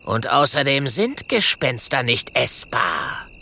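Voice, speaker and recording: A man voicing a stern, skinny female ghost with a cutting, croaky voice in a storybook reading. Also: a little high, huge pitch swings, takes it slowly, pushed and bright, a little hiss or hum, pitched above the performer's own voice, heavily acted.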